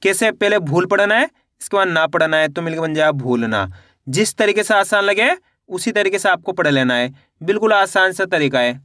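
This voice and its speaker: High-voiced man drilling phonics syllables. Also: lively intonation, sharp tone, no echo, clean studio sound. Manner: slow syllable-by-syllable drilling, answers his own questions; addresses viewers as friends, encouraging. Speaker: Hindi reading teacher. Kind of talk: spelling-out phonics lesson.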